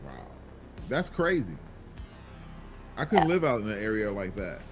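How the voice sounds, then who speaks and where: Slangy man with a very lively voice. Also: lowish voice, measured pace, over music. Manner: slangy, teasing, laughs loudly. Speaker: podcast co-host. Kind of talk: casual chat.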